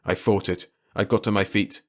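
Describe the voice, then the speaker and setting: A man reading a science fiction short story aloud in measured, even scripted narration. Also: lowish voice.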